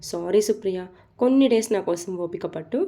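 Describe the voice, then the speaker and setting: A woman voicing a gentle, tearful young female boss in an audio story. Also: medium pitch, normal speed, close to an everyday voice.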